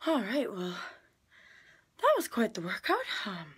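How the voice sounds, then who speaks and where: A young woman in casual vlog chat at home, talking into a phone held at arm's length, chatty and rushed, often dropping into a whisper. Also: mid-range voice, very animated, fairly bright tone, slightly rough. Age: young adult. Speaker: vlogger. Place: home bedroom, indoors.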